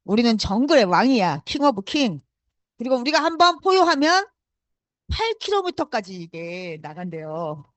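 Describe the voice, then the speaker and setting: A woman's voice: fairly high pitch, very animated, unhurried, dry recording. A woman voicing a proud male lion father explaining things to his son. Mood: boastful. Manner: boastful explaining.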